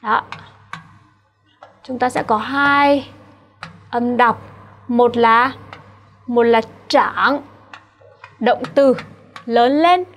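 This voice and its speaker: Very slow, with long pauses, the slightly high voice of a young Vietnamese-accented woman leads a vocabulary lesson. As a Chinese teacher, she's patient and keeps asking students rhetorical check questions.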